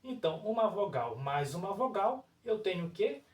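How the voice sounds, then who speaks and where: A teacher with a Brazilian Portuguese accent works through a whiteboard grammar lesson, with a pitch that rises and falls a lot. The teacher explains things step by step and keeps checking in with the viewers. The voice sounds distant, set in a roomy space with a bit of echo. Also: big pitch swings, normal speed. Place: room with a whiteboard. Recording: roomy echo, voice far from mic.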